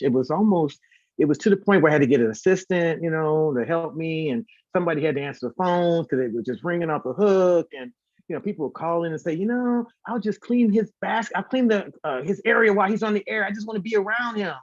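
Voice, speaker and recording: This man's voice sits on the high side, heard in a muffled recording with no echo. He's a singer and former radio host telling stories casually as an interview guest, bringing the quoted dialogue to life animatedly.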